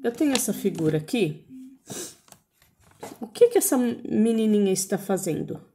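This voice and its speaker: A woman's voice: medium pitch, sing-song, moderate pace, dark tone, soft background music. A woman with a Brazilian Portuguese accent teaches English words to young children. She talks patiently and repeats each word several times. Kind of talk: slow, drawn-out pronunciation drills for children.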